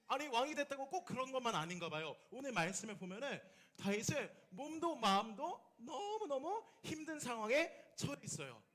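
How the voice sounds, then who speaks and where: A young man delivers a children's sermon in an animated way, turning again and again to the kids with questions. His voice sits very high and swings widely in pitch. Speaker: children's ministry preacher.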